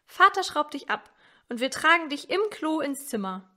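A woman's voice: sits high, sing-song, normal speed, pushed and bright, voice pushed up, heavily acted. A woman voicing a small boy who talks in a plain, matter-of-fact way. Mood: reassuring. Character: small brave boy, blunt and cheerful.

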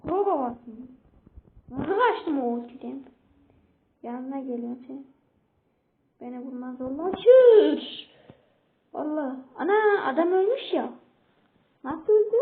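A woman giving casual, excitable commentary while playing a game and talking back to opponents on screen. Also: sits high, slight background noise. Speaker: gameplay streamer. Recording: tinny phone-like audio.

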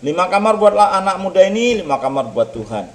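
A man leads a children's church lesson in a highly animated, swooping voice that sits on the higher side. He tells the Bible story expressively and keeps turning to the children with questions. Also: fairly quick.

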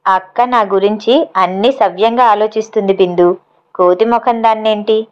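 A woman's voice: mid-range voice, steady tone, normal speed, clean tone, muffled recording, lightly acted. A woman reading the lines of an easygoing young man who jokes lightly. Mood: joking.

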